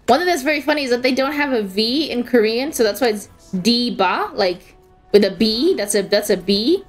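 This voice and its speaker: A woman's voice: a little high, animated, a little fast, faint music behind. A young woman streaming a game, chatting casually and giggling as she reacts to the match and her chat.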